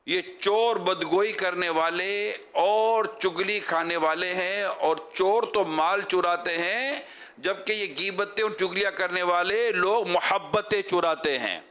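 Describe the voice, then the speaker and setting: A man preaching a religious sermon to a gathering. He speaks in a lively, rhetorical way, putting questions to his listeners and leading them in loud chanted slogans. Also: sits high.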